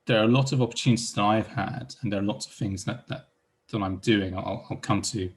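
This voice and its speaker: Speaking as a psychologist on a panel, the man from Iran stumbles through repeated words and fresh starts. His husky, lowish voice moves a little quickly with fairly level intonation.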